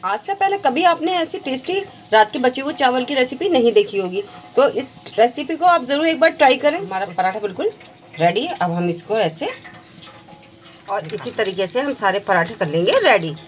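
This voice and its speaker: A woman's voice: fairly high pitch, very animated, normal speed. A woman hosting a cooking channel, giving friendly step-by-step recipe instructions as a voice-over. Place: home kitchen.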